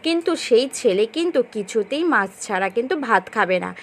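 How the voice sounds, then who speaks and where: A woman's voice: on the high side, lively intonation, a little fast. A young woman from Bengal chatting to viewers in a casual home vlog, explaining her chores. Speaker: vlogger. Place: small home. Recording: noisy home recording.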